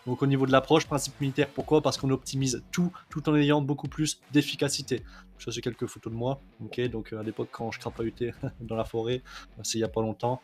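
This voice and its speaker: A man's voice: medium pitch, little pitch movement, fast talker, a little mellow, husky. A man coaching on kettlebell training in a casual video lesson, chatty, with many fillers, often checking in with "ok?".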